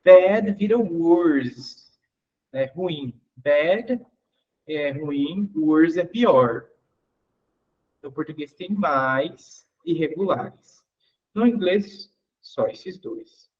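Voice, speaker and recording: A man's voice: on the high side, animated, extremely slow, highs cut off. A man teaching English grammar in an online class. He explains patiently, asks the class questions and repeats each example.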